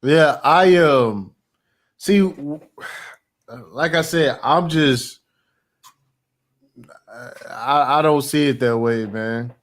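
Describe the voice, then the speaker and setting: Male podcast host, slightly high voice, halting, stammering, slangy casual chat.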